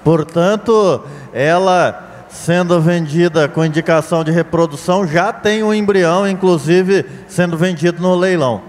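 A man's voice: sits high, measured pace. A Brazilian man presenting lots as an auction commentator, formally listing achievements. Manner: formal, list-like delivery of achievements. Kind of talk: sales presentation, announcer commentary. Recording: long hall reverb.

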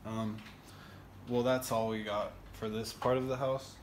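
A young man vlogging a casual tour of his shared house, hesitant and full of ums, with a dry deadpan humor, filmed on a handheld phone. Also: lowish voice, measured pace. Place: indoor shared house, tiled rooms. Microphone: handheld phone camera. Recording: echoey room with household noise.

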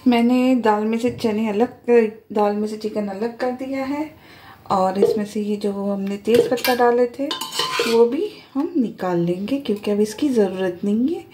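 A woman hosting a home cooking tutorial, calmly explaining each step as she goes. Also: on the high side, measured pace, noisy background. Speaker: cooking channel host. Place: home kitchen.

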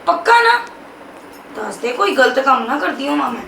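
A woman playing a sharp-tongued, defiant young daughter-in-law who argues back in a family drama skit. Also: sits high, very animated, normal speed, creaky, slight background noise, exaggerated voice, low-quality recording. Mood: chatty. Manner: argumentative, snapping back.

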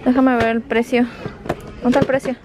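Holding her own camera, a young vlogger chats casually with her audience and her children as she shops inside a large retail store. Her fairly high voice shows little pitch movement and runs a little fast, over a noisy store background.

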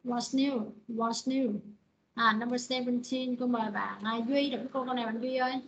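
A woman's voice: a little high, steady tone, moderate pace, slightly rough, dull audio. A woman teaching an online English pronunciation class, repeating phrases and calling on students by name.

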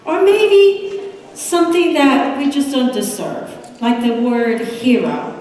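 A woman's voice: sits high, slow pace, a little mellow. A middle-aged woman pastor with a Puerto Rican accent preaching a sermon, gesturing as she speaks at the pulpit. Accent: Puerto Rican Spanish. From United States. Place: large church sanctuary. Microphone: room mic from a distance. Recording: echoey sanctuary from far off.

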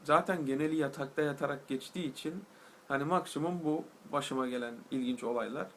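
A young man with a Turkish accent spins a crude, comic story for his vlog. His voice sits a touch high for a man, and he jumps between the characters with a lot of energy. A faint hiss of background noise runs under the recording. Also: brisk. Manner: animated, acts out both sides of the dialogue, crude joking. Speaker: vlogger. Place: night train, recorded on a phone. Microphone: phone.

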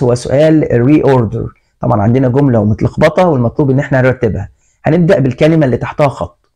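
A mellow-voiced Egyptian man teaching an English exam review in an Egyptian Arabic accent. He works through each answer step by step, translating the English as he goes. He puts questions to his students and then answers them himself. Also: medium pitch, vocal fry.

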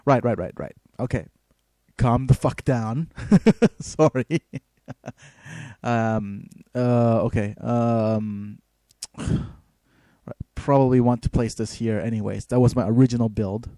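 A man thinking aloud over his video game in a rambling let's play commentary, full of fillers and pauses. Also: medium pitch, fairly even intonation, mellow, dry recording.

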